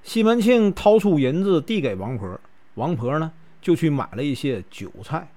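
A chatty male storyteller with a Northeastern Mandarin accent, stretching particles as he spins a classic tale. His voice is fairly high for a man. His pitch swings in a lively, animated way. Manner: chatty, with drawn-out filler particles. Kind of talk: casual storytelling of a classic novel.

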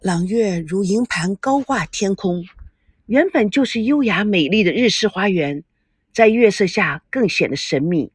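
A woman narrating an audiobook of a novel in an expressive way, doing voices for every character. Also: mid-range voice, a little slow, husky.

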